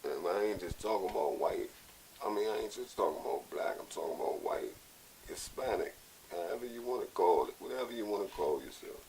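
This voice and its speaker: An American man giving a blunt, profane, impassioned monologue, sounding drunk and rambling, with halting repeats and a gravelly voice. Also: low-pitched, expressive, darkish tone. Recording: hissy, noisy amateur recording.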